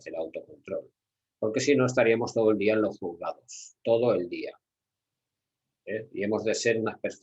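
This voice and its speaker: Spanish guy teaching security guards, kinda low husky voice, asks himself questions and answers them. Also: a little mellow, dull audio. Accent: Spanish from Spain. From Spain. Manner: didactic, repeats key words, asks rhetorical questions. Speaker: security trainer. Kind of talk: workshop lecture.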